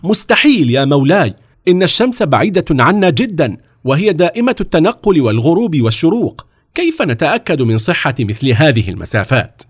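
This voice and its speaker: A man's voice: fairly high pitch, big pitch swings, a little fast, husky, dry recording, clean studio sound, voice pushed up. A man voicing an angry, jealous court vizier in a storybook reading, protesting in raised, heated outbursts. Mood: outraged. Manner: heated, protesting, rising to shouts.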